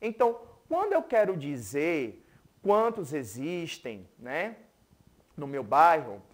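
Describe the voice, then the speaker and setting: Slow, lively-voiced Brazilian teacher. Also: medium pitch. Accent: Brazilian Portuguese. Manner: patient, keeps checking with "né?" and has viewers repeat words. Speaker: English teacher. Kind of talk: televised school lesson.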